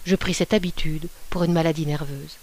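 A woman narrating a classic short story in a measured, unhurried reading voice. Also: low-pitched, steady tone, darkish tone. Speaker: audiobook reader.

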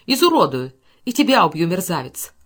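A woman's voice: fairly low pitch, very animated, a little fast, husky. A woman voicing a jealous woman in a frenzied rage, screaming curses. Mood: shrieking.

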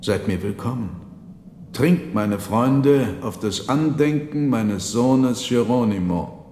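Male reader voicing old grieving marchese, gentle host, pleading; roomy hall, faint background noise. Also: medium pitch, expressive, slow pace.

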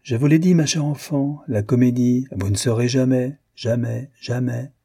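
A man's voice: mid-range voice, fairly even intonation, moderate pace, vocal fry, dark tone, breathy edge, voice pushed up. A man reading the part of a teasing, indulgent older male doctor in a novel.

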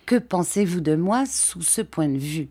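A woman reading an audiobook, voicing a kindly, simple-minded older gentleman who talks in earnest, halting phrases. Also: fairly low pitch, expressive, breathy edge.

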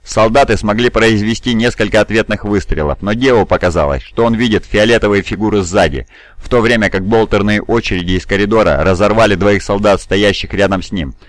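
A man narrating an audiobook in a steady reading voice. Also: on the low side, fairly quick, dry recording. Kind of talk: scripted narration.

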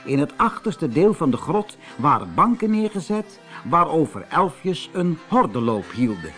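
Faint music plays behind a man narrating a fairy tale for children in audiobook style. He tells the story expressively at a measured pace, his voice slightly high.

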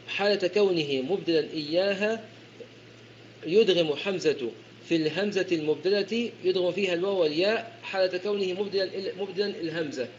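A man teaching the rules of Quran recitation in an explanatory lecture, often repeating and correcting himself as he goes. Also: high-pitched. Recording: dull lo-fi recording with faint hiss.

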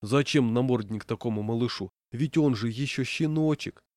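A man voicing a good-natured, mild male citizen who speaks in a gentle, cooing way. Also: mid-range voice, normal speed, no room sound, lightly acted.

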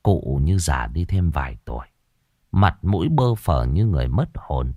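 A man's voice: rumbling low, sing-song, measured pace, darkish tone, no room sound. A man narrating a ghost story with dramatic, suspenseful delivery.

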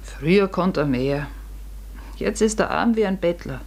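Playing a nervous, secretive middle-aged farmer's wife in a German radio drama, the actress delivers her lines huskily, quietly and haltingly. Her voice is fairly low with lively intonation, carrying a guilty, grave mood.

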